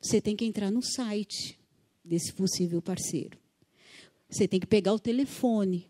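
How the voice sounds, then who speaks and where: A woman's voice: mid-range voice, unhurried, dark tone. A woman giving a conversational workshop talk on fundraising, repeating words for emphasis and acting out phone calls. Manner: acts out phone dialogues with voice shifts. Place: church workshop audience.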